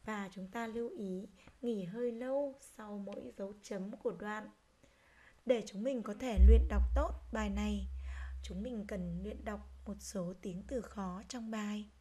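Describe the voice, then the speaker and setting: A woman teacher giving a reading lesson to young children, speaking gently and pronouncing each word clearly. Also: medium pitch. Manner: gentle, slow, clearly articulated. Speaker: primary school teacher.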